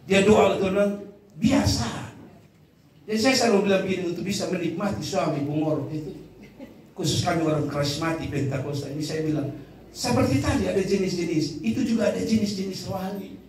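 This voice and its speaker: A man's voice: sits high, steady tone, fast, darkish tone, slight background noise. A male pastor with a Kupang Malay accent preaching a humorous funeral sermon, telling jokes, acting out voices and calling for amens. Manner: joking storyteller acting out quoted voices, calls for amens. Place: funeral tent. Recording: roomy sound from a distant mic.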